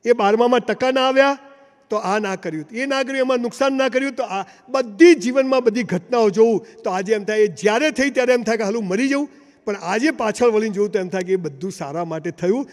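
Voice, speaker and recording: A man giving a motivational speech to a live audience, telling stories with acted dialogue and rising to emphatic calls. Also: sits high. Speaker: motivational speaker. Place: large hall, before a seated audience. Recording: long hall reverb.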